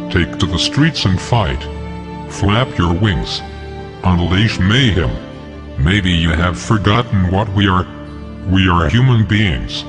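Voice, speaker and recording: A man speaking through a disguised deep, pitched-down voice, delivering a scripted manifesto in a defiant, declaiming manner. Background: music.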